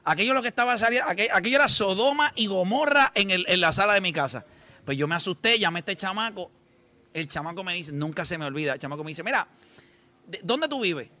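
A man's voice: sits high, expressive, quick pace, pushed and bright. A man with a Puerto Rican accent co-hosting a radio talk show, telling stories bluntly and emphatically, now and then swearing. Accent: Puerto Rican Spanish. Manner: emphatic, blunt storyteller who swears and addresses listeners. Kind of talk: casual chat.

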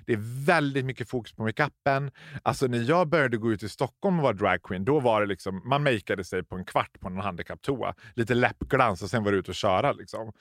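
A man, a former drag queen working in cosmetics retail, chatting in an interview as an animated storyteller who mixes in English phrases. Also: no room sound, studio quality. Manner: animated storyteller, mimics customers in high voices, laughs often. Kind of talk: casual interview chat.

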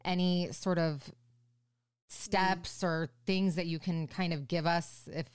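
A woman co-host with a lowish, smooth voice, asking soft-spoken, thoughtful questions. The recording is close and dry. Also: fairly even intonation, slow, no echo. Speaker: podcast co-host. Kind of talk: casual interview questions.

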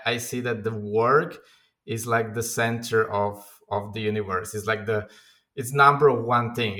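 Man, podcast guest, founder, hesitant, lots of fillers, bright tense voice, from his apartment on a video call. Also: mid-range voice. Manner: hesitant, many restarts and fillers, laughs easily. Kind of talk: casual interview chat. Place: own apartment.

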